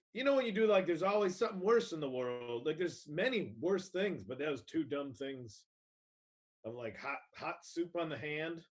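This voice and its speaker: A man co-hosting a comedy podcast, rambling with stammered restarts and heavy sarcasm. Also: a little high. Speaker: podcast co-host. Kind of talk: casual comedy chat.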